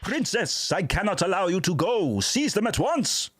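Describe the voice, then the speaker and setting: A man's voice: high voice, very animated, moderate pace, a bit bright, a little hiss or hum, voice pushed up. A man voicing a dutiful, insistent royal guard captain in a fantasy game, formal and urgent in command.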